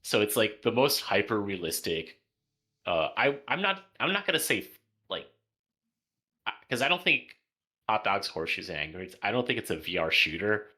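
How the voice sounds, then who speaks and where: Deep-voiced joking guy on a gaming stream, crisp bright tone. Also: very animated, normal speed. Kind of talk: casual gaming stream chat.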